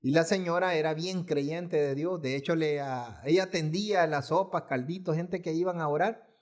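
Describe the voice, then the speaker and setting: A man's voice: on the high side, moderate pace, darkish tone. A man, a former funeral home worker, telling a story earnestly in a casual podcast chat and acting out the people he quotes. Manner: earnest, repetitive storytelling, acts out quoted voices.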